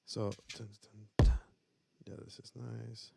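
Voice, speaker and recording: A man's voice: fairly low pitch, flat delivery, slow, creaky, over loud music. A man casually explaining vocal settings and beat-making on a live stream, rambling with many fillers and restarts.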